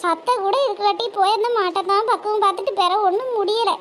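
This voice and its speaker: A woman voicing a chatty village woman, talking briskly. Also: very high voice, steady tone, a little hiss or hum. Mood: worried. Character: chatty village woman fretting over her cow. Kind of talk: cartoon voice acting.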